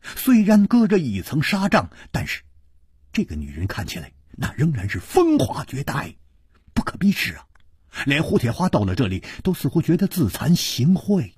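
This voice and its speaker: A man narrating a traditional broadcast story with dramatic, drawn-out phrasing. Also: fairly high pitch, huge pitch swings, darkish tone, slightly rough, no room sound, studio quality.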